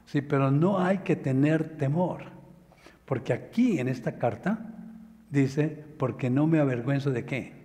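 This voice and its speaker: A man preaching a sermon who tells a story emphatically and slows down to stress key phrases. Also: mid-range voice, dark tone. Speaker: pastor. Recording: reverberant hall sound.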